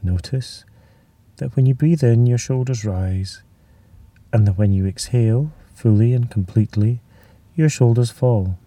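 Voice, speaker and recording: A man leading a guided muscular relaxation, speaking in a slow, soothing way that sometimes drops to a whisper. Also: medium pitch, warm tone, dry recording, distant mic.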